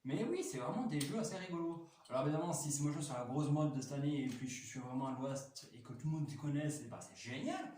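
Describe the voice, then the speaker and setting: A man's voice: on the high side, fast, few pauses, dark tone. A man chatting casually while reviewing a toy, rambling with lots of fillers and restarts, enthusiastic. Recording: very echoey room, mic at a distance, faint noise.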